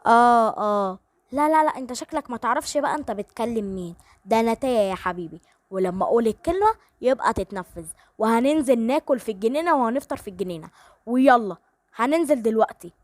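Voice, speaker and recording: A woman voicing a feisty, sharp-tongued young woman. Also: fairly high pitch, expressive, quick pace, no echo, natural voice. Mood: defiant. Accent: Egyptian Arabic. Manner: bold and teasing.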